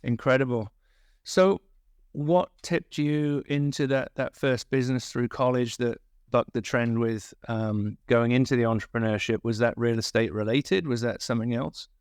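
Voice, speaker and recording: A man hosting an interview, asking measured, thoughtful questions. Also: medium pitch, steady tone, smooth, no room sound, studio quality. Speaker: podcast host.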